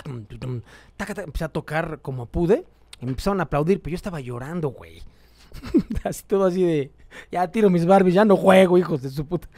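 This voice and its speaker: A man with a Mexican Spanish accent, a guest musician telling stories in an animated, slangy, profane way. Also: a little high, no echo. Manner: animated, slangy and profane, full of quoted voices. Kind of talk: casual storytelling.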